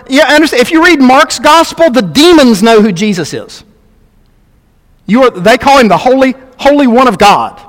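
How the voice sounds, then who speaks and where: High-voiced guy preaching, earnest and emphatic, big echoey hall. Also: a bit bright. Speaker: pastor. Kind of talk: sermon.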